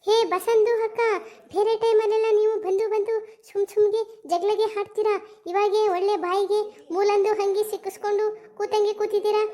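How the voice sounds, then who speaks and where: A performer voicing a sharp-tongued, hot-tempered young village woman who scolds in a shrill cartoon voice with a Mysore Kannada accent. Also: level tone, normal speed. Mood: angry scolding.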